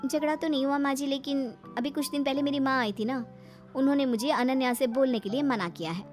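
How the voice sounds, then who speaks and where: A woman's voice: sits high, fairly quick, soft background music, close to an everyday voice. A woman voicing an outspoken young elder daughter-in-law in a cartoon story, in a firm, indignant manner. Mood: questioning.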